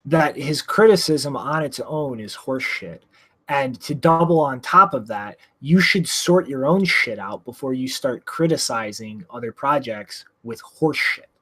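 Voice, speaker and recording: A man co-hosting a casual podcast, blunt and profane, who also delivers a deadpan mock product announcement. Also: medium pitch, a little slow. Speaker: podcast co-host.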